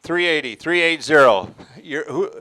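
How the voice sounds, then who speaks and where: A man's voice: on the high side, lively intonation, moderate pace, sharp tone, poor audio. A man hosting a live student auction, interviewing and introducing the sellers in a folksy, bantering way. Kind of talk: live event emceeing and interviewing. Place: live auction event before an audience.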